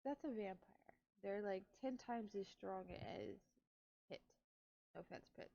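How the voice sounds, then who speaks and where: A woman's voice: mid-range voice, a little slow, gravelly, mellow, dull audio. A woman playing a tabletop role-playing game, talking casually as a player.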